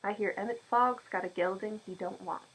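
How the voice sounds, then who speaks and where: A woman's voice: medium pitch, a little fast, fairly bright tone, husky, poor audio. A woman doing a teasing old country handyman. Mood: eager. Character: folksy older male farm handyman, teasing.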